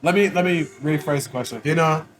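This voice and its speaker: A man's voice: a little high, fairly quick. A young man hosting a food challenge with casual, blunt, chatty banter. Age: young adult. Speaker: host asking questions in a food challenge.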